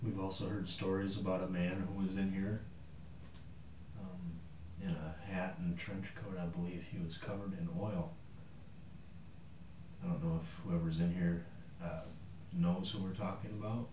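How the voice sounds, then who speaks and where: A man leading a paranormal session, talking to a ghost with calm questions put to unseen spirits. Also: low voice, moderate pace, pauses often. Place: bedroom in an old house. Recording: roomy, distant mic with background noise.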